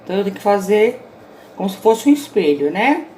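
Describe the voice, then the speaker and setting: A woman's voice: medium pitch, very animated, brisk, warm tone, slight background noise. Woman teacher explaining a grammar lesson. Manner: explaining patiently, often checking in with students. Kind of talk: recorded online grammar lesson. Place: indoors, self-recorded at home.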